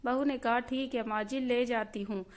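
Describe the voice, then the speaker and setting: A woman reads a family story aloud in a steady, scripted narrating voice. Her pitch sits a little high and barely moves, so the telling stays level and even throughout. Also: normal speed.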